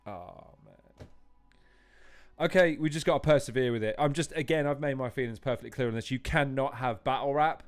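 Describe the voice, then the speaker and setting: A man's voice: mid-range voice, a little fast, soft background music. A man giving casual, opinionated reaction commentary with a wry streak. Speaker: watch-along commentator.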